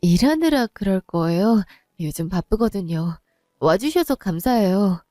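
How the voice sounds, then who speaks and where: A woman's voice: mid-range voice, lively intonation, measured pace, mellow, no room sound, clean studio sound, natural voice. Woman as a pleading, distraught young wife. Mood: strained. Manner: pleading, rising to anguished cries. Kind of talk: one-voice audio drama.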